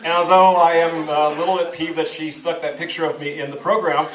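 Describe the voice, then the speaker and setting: A man's voice: fairly high pitch, level tone, brisk, heavy background noise. A man hosting a live show, handing out awards with joking, loose announcer patter. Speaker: show host. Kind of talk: emceeing an awards segment. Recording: roomy live hall, distant mic, loud crowd.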